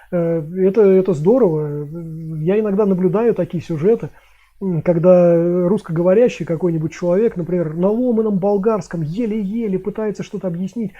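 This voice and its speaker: A man's voice: high-pitched, dark tone. A man in his fifties chatting casually on a livestream, rambling with many filler sounds. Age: 50s. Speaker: streamer answering chat. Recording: dull lo-fi stream audio.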